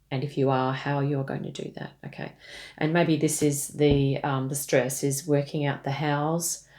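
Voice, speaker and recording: A woman giving a tarot reading, addressing the listener gently, with frequent fillers and restarts. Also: very deep voice. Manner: hesitant, many fillers and restarts; gentle, speaks directly to the listener. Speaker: tarot reader.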